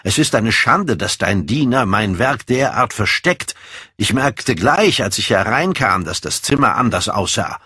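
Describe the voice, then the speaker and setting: A man reading an audiobook, voicing an earnest, devoted middle-aged painter who gently insists. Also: lowish voice, very animated, measured pace, slightly rough, no room sound, studio quality, heavily acted.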